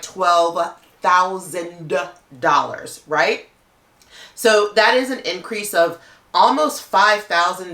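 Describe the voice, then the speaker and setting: A woman's voice: on the low side, bright, forceful tone, echoey room. A woman talking casually to camera as a luxury handbag YouTuber, chatty and full of "like" fillers.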